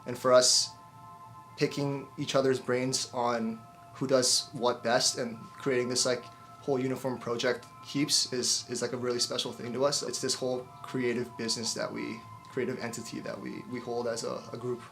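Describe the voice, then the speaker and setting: Band guy chatting loosely, flat tone, faint music behind. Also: medium pitch, moderate pace, gravelly. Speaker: band member. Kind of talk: casual interview answer.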